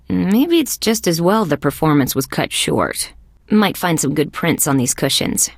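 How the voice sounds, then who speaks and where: A fairly low, gravelly female voice brings a wisecracking insect cop to life, a tough woman detective in a video game. The lines are scripted banter delivered wryly and sardonically, recorded cleanly in a studio with no echo.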